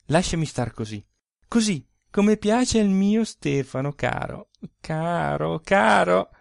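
A coy, teasing young wife in an audiobook tale, as a male reader puts her on, her voice pushed up high and lively. She spars playfully, laughing off every plea. The recording is dry and close. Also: takes it slowly, creaky, no room sound, full character voice.

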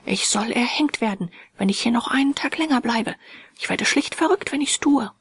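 Woman reader voicing a restless friend, impatient, gravelly, storybook. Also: on the high side, expressive, moderate pace, dry recording, clean studio sound, pitched above the performer's own voice, heavily acted. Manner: impatient, urging.

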